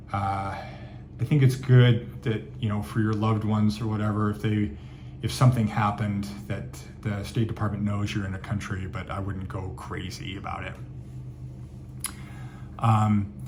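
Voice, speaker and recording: A travel vlogger gives candid, chatty travel advice in a casual Q&A monologue, answering viewer questions with plenty of fillers and sarcastic asides. His voice is fairly low and darkish, with slight background noise.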